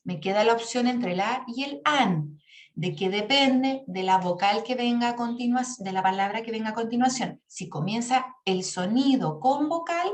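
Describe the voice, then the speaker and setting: A woman's voice: fairly high pitch, echoey room. A woman teaching an English grammar class, explaining patiently and checking in with her students often.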